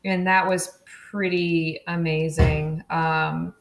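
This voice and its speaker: A woman's voice: sits low, little pitch movement, slow pace, gravelly, roomy sound. A woman guest in a casual interview, chatty, with frequent laughs and fillers. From Oregon, USA. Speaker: podcast guest, street-safety advocate.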